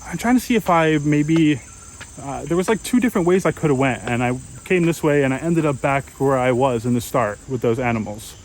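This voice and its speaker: A man's voice: mid-range voice, lively intonation, a little fast, a little hiss or hum, poor audio. A young man vlogging casually while walking outdoors through a city park, musing aloud with fillers and restarts into a handheld camera. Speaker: travel vlogger.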